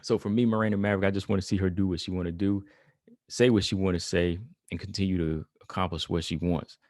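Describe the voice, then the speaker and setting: Low-voiced man, casual podcast talk. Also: fairly even intonation, quick pace, darkish tone, no echo, clean studio sound. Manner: conversational, many fillers like "you know" and "like"; reads quotes aloud then comments. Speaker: podcast host. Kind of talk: casual solo podcast commentary.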